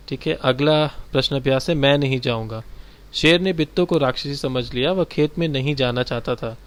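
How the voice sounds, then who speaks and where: Man teaching a children's lesson. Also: medium pitch. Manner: explains slowly, addresses children directly. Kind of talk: textbook exercise lesson for children.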